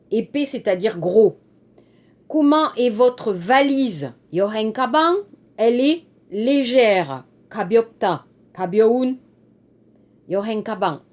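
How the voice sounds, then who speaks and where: A teacher walks her class through exercise answers at an unhurried pace. Her voice sits high and moves a lot, rising and falling as she spells out endings and explains each adjective in simple terms. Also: darkish tone. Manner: slow, spelling out words and switching into Korean glosses. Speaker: French teacher. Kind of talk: online language lesson, correcting exercises.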